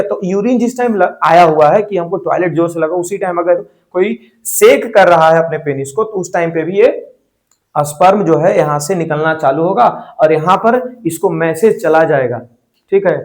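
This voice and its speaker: A man teaching a biology class, asking questions and answering them himself, mixing English terms into Hindi and checking in often. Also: fairly high pitch. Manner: frequent "theek hai" check-ins.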